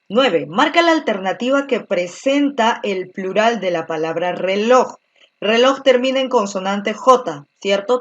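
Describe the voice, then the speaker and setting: A woman's voice: medium pitch, dull audio. A woman teaching an online grammar class, explaining step by step and checking in with frequent tag questions. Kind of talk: virtual grammar lesson.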